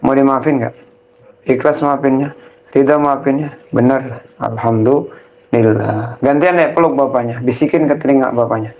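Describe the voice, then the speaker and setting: A man, a ruqyah cleric gently guiding a family through prayer and rising into fervent pleas. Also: mid-range voice, normal speed, pauses often, narrow, tinny audio.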